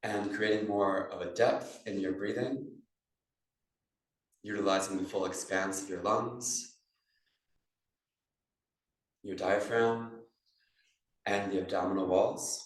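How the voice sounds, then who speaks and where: A low-pitched male voice, calm and even, instructs a meditation class on breathing and posture, the way a yoga teacher would. He speaks in deliberate phrases with pauses, recorded on a distant microphone in a very echoey room.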